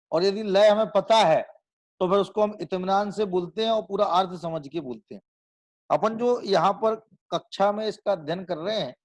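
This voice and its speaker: Casting: man with a high voice, patient religious teacher, rhetorical questions, slow demonstrations of pronunciation. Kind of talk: group class on recitation and meaning of a hymn.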